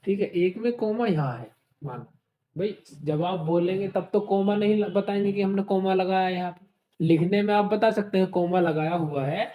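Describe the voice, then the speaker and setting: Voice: medium pitch, moderate pace, roomy sound, muffled recording. A Hindi teacher leading an exam-prep class, explaining with everyday examples, asking questions and checking in often. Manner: asks rhetorical questions and says "ठीक है" often.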